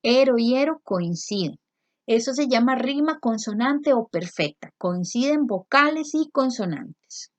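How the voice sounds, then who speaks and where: A woman's voice: on the high side, lively intonation, measured pace, no echo. A woman teacher explaining a lesson step by step, patiently stretching out word endings and checking in with questions. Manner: checks in with frequent rhetorical questions. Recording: dry, dull lo-fi recording.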